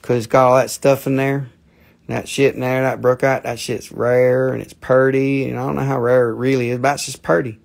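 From an indoor room with a table of mineral specimens, a man with a Southern US accent hosts a live sales show, holding stones to the camera. He speaks at normal speed in a level, mid-range voice with vocal fry, rambling and joking, cursing, and dropping playful put-on accents.

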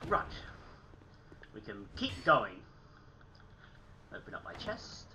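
Drawing out his words in a sing-song way, a young man with a higher voice chats over his gameplay against a noisy background. He runs a gaming channel from a small room at home, and his voice is slightly phlegmy and sick-sounding. He is chatty and self-mocking, with frequent throat clearing.

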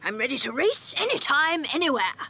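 A woman playing a boastful, excitable male cartoon hare. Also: high voice, brisk, slight background noise, full character voice. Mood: cocky, excited. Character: Harry, cocky eager male cartoon hare.

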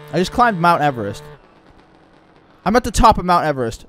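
A young man chatting casually while gaming with a friend, excitable and full of frat-bro slang. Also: high voice, moderate pace. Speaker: gamer. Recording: clear background noise, game engine sounds.

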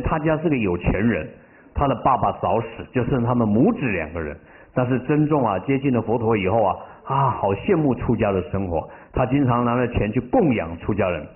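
A male Buddhist master preaching and telling stories, stretching out the ends of his phrases with feeling. His pitch swings widely from low to high. The recording sounds thin and tinny, like a phone line. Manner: drawn-out emotional phrase endings. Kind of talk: sermon with storytelling.

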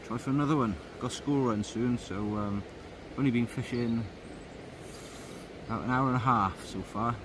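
A man's voice: mid-range voice, normal speed, background noise. A man in his thirties talking casually to a camera held at arm's length outdoors, rambling with lots of ums as he narrates his fishing trip. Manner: relaxed, rambling, frequent ums. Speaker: fishing vlogger. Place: outdoors by a river in woodland. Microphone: phone or action camera held at arm's length.

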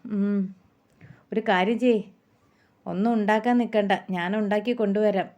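A woman voicing a caring older neighbour who soothes and gently scolds a younger friend. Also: mid-range voice, steady tone, normal speed, natural voice. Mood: motherly concern. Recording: muffled lo-fi.

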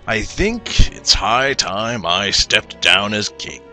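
Video game king, old and sinister, booming villain monologue delivery, played by a man; low, forceful, swooping pitch. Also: animated, slow pace, soft background music, full character voice. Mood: grand, ominous.

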